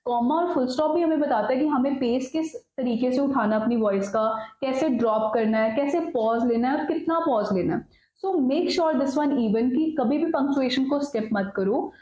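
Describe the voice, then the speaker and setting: A woman's voice: high-pitched, warm tone, roomy sound, poor audio. A woman coaching students on exam speaking, giving direct advice in a mix of Hindi and English. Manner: direct, advising, addresses viewers as guys. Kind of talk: instructional talk mixing Hindi and English.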